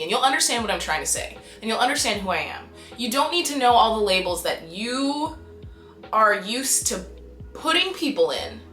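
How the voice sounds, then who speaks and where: A young woman from Canada in her twenties, talking casually to the camera in an animated, exasperated and emphatic way. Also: medium pitch, roomy sound. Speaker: vlogger. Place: small bright room indoors.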